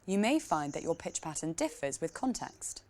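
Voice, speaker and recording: A woman leading a speaking exercise in a calm, instructive way. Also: sits low, moderate pace. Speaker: instructor in a played training clip.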